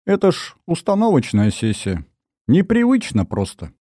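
A doting, fretful middle-aged mother, raised high and lilting, as a male narrator puts her on for an audiobook. Her voice keeps a mellow, dark grain and sounds dry and close, with no room around it. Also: wildly swooping pitch, moderate pace, dry recording. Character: fussy affectionate middle-aged mother, woman. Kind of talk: audiobook character voice.

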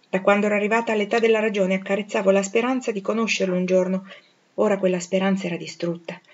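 A woman reading a classic novel aloud in a measured, expressive way that grows dramatic on emotional passages. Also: mid-range voice. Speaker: audiobook reader. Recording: dull lo-fi recording.

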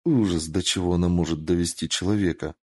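Man reading hot-tempered young princess, stern, exasperated, low-pitched, audiobook. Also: steady tone, fast talker, darkish tone, breathy edge, no echo, clean studio sound. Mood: grumbling. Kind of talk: audiobook character voice.

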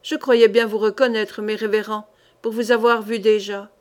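A woman's voice: medium pitch, flat delivery, normal speed, darkish tone, close to an everyday voice. A woman voicing a teasing, mocking lanky court painter in an audiobook reading.

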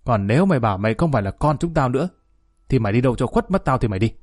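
A man's voice: mid-range voice, expressive, racing, no echo, clean studio sound, lightly acted. A man reading aloud and voicing a stern, wealthy father who scolds and threatens coldly in a storybook reading. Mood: cold scolding.

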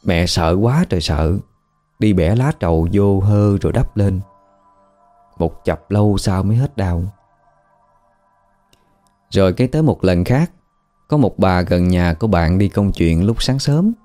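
A man's voice: low voice, expressive, a little slow, pauses often, warm tone, soft background music. A man with a Southern Vietnamese accent narrating a ghost story in a colloquial, conversational way.

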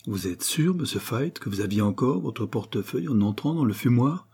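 A ship captain speaks with formal courtesy, as a male narrator voices him. His words come slightly higher than the reader's usual pitch. The voice is warm and husky. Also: lively intonation, moderate pace. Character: ship captain, calm and official.

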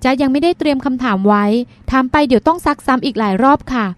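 A woman reads a young female radio host with a high, quick voice. She speaks politely yet pointedly, sharp and witty, in a dry close recording. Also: dry recording, natural voice.

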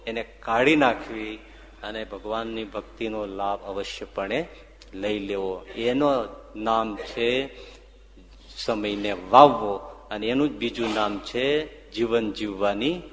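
Swami preaching in an echoing hall. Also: male voice, lowish voice, slow, slight background noise. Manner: expressive, swings from hushed to loud. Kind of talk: devotional sermon storytelling. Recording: long hall reverb.

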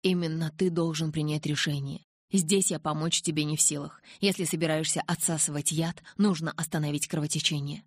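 Woman voicing a calm, commanding doctor. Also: low-pitched, a little fast, dry recording, clean studio sound. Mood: urgent. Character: calm composed older male doctor. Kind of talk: audiobook narration.

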